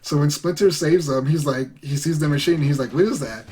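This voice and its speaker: A man's voice: fairly high pitch, fairly even intonation, brisk, a little mellow. Rambling casual movie reviewer, man. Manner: rambling, full of "like" and "you know".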